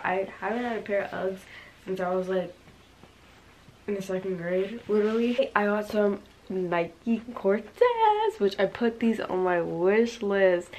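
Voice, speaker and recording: A woman's voice: mid-range voice, darkish tone, a little hiss or hum. Bubbly teenage girl vlogging from her bedroom. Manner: bubbly, rambling, lots of fillers. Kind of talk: casual haul vlog.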